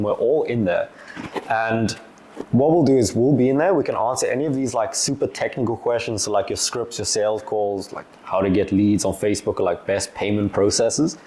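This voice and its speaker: Young male business vlogger, twenties, warm relaxed tone, easygoing, filler-heavy delivery. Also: mid-range voice. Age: 20s. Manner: loose and chatty, lots of "like", acts out little dialogues. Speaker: agency owner giving business advice. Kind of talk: casual talking-head Q&A.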